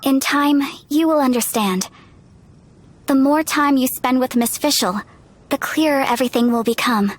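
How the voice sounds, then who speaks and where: A woman playing a professional guild receptionist in a video game, composed and formal, with measured, instructive speech. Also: high-pitched, a little hiss or hum. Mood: reassuring.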